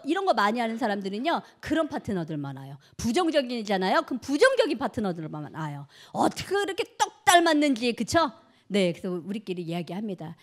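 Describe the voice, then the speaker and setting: Animated high-voiced woman leading a seminar. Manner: lively, asks the audience rhetorical questions; acts out quoted remarks in changed voices. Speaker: network marketing leader speaking to her team. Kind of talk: motivational seminar talk.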